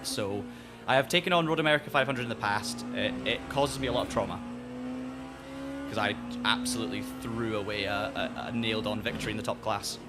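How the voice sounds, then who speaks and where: A man with a soft, fairly neutral Highland Scottish accent, chatting casually as he hosts a sim racing livestream. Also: a little fast, loud music behind the voice. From Scottish Highlands, north of Inverness. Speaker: livestream host and sim racer. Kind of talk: casual livestream chat while gaming.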